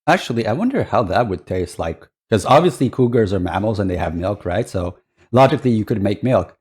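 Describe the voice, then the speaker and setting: A man's voice: lowish voice, lively intonation, brisk, darkish tone, husky. A man giving casual reaction commentary as a streamer, in a hesitant, rambling way. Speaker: VTuber streamer.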